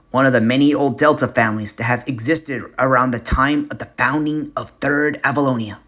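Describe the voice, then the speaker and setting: Male narrator, mid-pitched voice, reads a fantasy story slowly and carefully. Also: bright, forceful tone.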